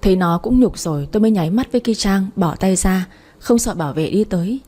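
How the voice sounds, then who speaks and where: A woman's voice: mid-range voice, expressive, fast, mellow, faint music behind. A woman reading a first-person romance story aloud, voicing every character herself. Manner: reads all characters' dialogue in one voice. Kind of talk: first-person audiobook narration.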